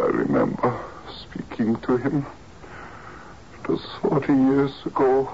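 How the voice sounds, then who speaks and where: An actor playing a frail, courtly, very old father who speaks haltingly and wistfully in a drama. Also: medium pitch, darkish tone, lo-fi sound, slight background noise. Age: elderly. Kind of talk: screen drama acting.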